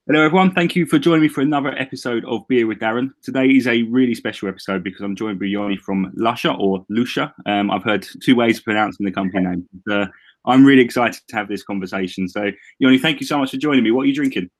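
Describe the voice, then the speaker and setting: Fast-talking Essex man hosting a podcast. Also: medium pitch. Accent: Essex, London. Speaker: podcast host. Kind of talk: casual podcast interview.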